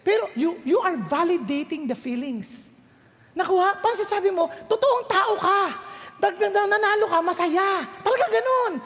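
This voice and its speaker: A Filipino woman preaches a sermon with a strikingly high voice. She is animated and acts out quick scenes of parents scolding or comforting their kids. Her voice carries a long reverb, as if recorded in a big church hall.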